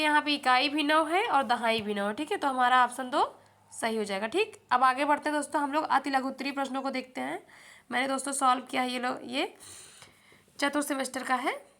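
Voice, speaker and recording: A woman's voice: sits high, pushed and bright. A young woman teaching an exam-prep lesson, often repeating a question back to the viewer before answering it herself.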